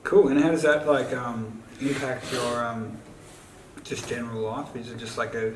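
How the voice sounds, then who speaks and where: A man interviewing a friend, asking laid-back, halting questions and laughing often. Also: mid-range voice, fairly even intonation. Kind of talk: casual chat. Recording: echoey room with crowd noise.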